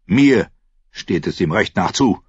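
Male reader doing a cold, stern lord from an audiobook; low and clipped, husky. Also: expressive, slow, a little mellow, dry recording, highs cut off, full character voice. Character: stern, grim older nobleman, cold and rigid.

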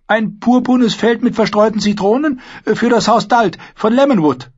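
A man's voice: high voice, darkish tone, slightly rough, voice pushed up. A man voicing a nervous, eager young male squire who talks shyly and hurriedly, in a storybook reading. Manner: shy and hurried, gaining confidence. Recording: dull lo-fi audiobook recording.

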